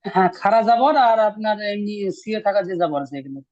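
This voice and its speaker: A man's voice: sits high, lively intonation, fast talker, darkish tone, dry recording. A man, an adult student, asking a hesitant question in an online class and searching for his words. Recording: muffled online call audio.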